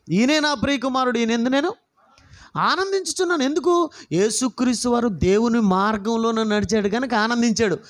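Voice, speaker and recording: A man preaching a sermon as a pastor, passionate and full of rhetorical questions put straight to the listeners. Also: extremely high pitch. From Andhra Pradesh, India. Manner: impassioned, rhetorical questions, addresses listeners directly.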